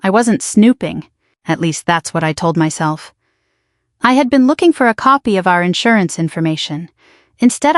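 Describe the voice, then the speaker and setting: A woman reading a dramatic first-person story in an even, measured way. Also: medium pitch, no echo, clean studio sound. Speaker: narrator.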